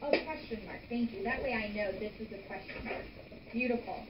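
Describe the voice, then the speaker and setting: A woman's voice: a little high, brisk, muffled recording. A woman teaching young students in a classroom, patient and encouraging, prompting them with questions. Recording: echoey classroom from far off, noisy.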